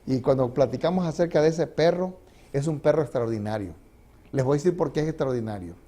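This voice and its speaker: Pastor guy preaching in church, kinda high voice, warm tone, keeps asking the crowd stuff. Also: a little fast. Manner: conversational, asks the congregation questions and laughs. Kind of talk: sermon. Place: church sanctuary.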